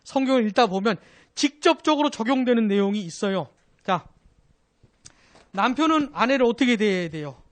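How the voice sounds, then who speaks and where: Male pastor teaching doctrine, animated pitch, call-and-answer questions to the congregation. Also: moderate pace, long pauses. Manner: asks the congregation questions, then answers them himself. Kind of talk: Sunday doctrine class teaching.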